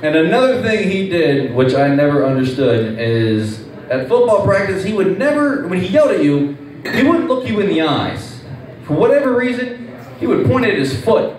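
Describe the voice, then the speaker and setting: Young male stand-up comic, lively delivery, exasperated and profane; roomy club, distant mic. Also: high voice, normal speed. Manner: animated, profane, exasperated storytelling. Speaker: stand-up comedian. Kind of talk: stand-up set at open mic. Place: small comedy club stage. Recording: echoey room, distant mic, faint ambience.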